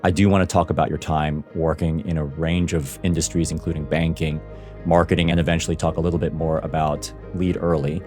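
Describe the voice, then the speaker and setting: A man's voice: a bass voice, little pitch movement, brisk, darkish tone, faint music behind. A man hosting a career podcast and asking his guest questions. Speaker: podcast host. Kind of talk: interview podcast.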